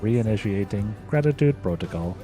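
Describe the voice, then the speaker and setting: With a warm, fairly low voice that is expressive yet natural, a gamer reads a formal robot unit's in-game lines at normal speed. He clips the phrasing like a machine in playful imitation, over soft background music.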